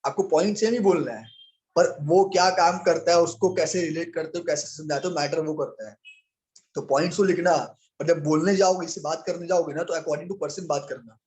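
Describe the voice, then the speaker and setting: Young male trainer, raised pitch, coaching tone, acts out both sides of the conversation. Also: normal speed, darkish tone. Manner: coaching, addresses listeners as sir, role-plays both sides. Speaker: business trainer. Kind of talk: training talk on handling objections.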